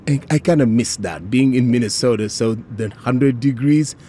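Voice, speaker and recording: A middle-aged man from Senegal, talking in an upbeat, animated way in an outdoor interview. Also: medium pitch, moderate pace, slight background noise. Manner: upbeat, animated, repeats himself. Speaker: interviewee, health advisory council chair. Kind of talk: casual interview.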